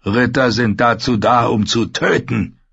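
A man reading an audiobook, voicing a scarred, brutal warrior who talks in a gruff, scornful, growling way. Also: medium pitch, fairly even intonation, a little slow, a bit bright, no room sound, muffled recording, heavily acted. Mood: menacing. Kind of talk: audiobook character voice.

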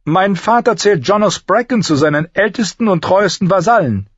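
A proud noblewoman, formal and unbending, as a male narrator voices her. Her lines come raised in pitch and measured, with a husky grain. The recording is dry and a little dull. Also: expressive, no echo. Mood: resolute. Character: composed noblewoman, proud and resolute.

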